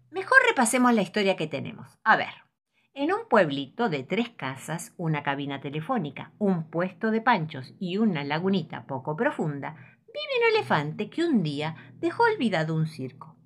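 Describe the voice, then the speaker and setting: A woman's voice: on the low side, sing-song, normal speed, fairly bright tone. A woman doing an earnest cricket teacher. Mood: teacherly. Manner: encouraging, teacherly, explaining.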